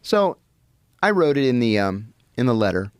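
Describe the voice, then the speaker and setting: A middle-aged man telling stories as a podcast guest, animated and vivid, often restarting his sentences. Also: medium pitch, normal speed, clear, resonant tone, no echo. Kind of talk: anecdotal storytelling in conversation. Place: podcast studio.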